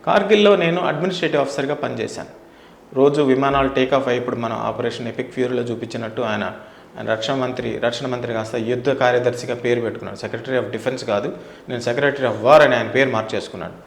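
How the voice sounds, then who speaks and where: A middle-aged Indian man, a former air force officer, gives opinionated answers as an interview guest, speaking emphatically with rhetorical questions and repeated phrases. His mid-range, creaky voice holds a steady tone at a quick pace. The indoor recording is roomy and echoing, with slight background noise.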